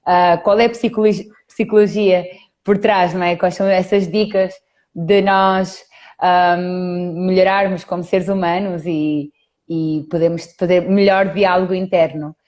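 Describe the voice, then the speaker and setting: A woman's voice: fairly low pitch, flat delivery, measured pace, darkish tone. A woman hosting a casual live-stream interview, speaking with hesitant fillers. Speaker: host. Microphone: video call.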